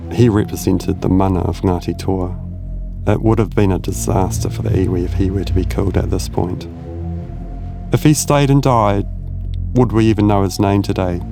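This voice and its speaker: A man narrating a history documentary in a measured, dramatic way. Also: low voice, creaky. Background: soft music.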